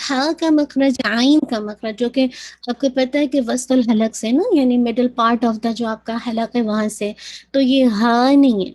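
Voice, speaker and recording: A woman teaching Quran recitation, patiently demonstrating sounds slowly and repeating them. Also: on the high side, darkish tone. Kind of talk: tajweed lesson, mixing Urdu and English.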